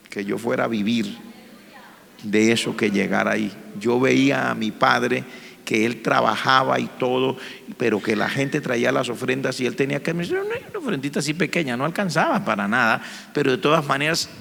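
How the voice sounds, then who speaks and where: A man's voice: medium pitch, gravelly, fairly bright tone, long reverb tail, slight background noise. A man, a pastor telling his personal testimony in church with an earnest, emotional manner. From Colombia.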